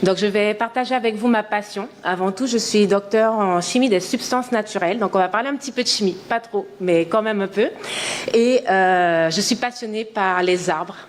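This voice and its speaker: A woman's voice: mid-range voice, normal speed, a little hiss or hum. A woman in her thirties from French Guiana, an entrepreneur giving a conference talk, speaking earnestly and with enthusiasm, with frequent hesitations. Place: conference hall.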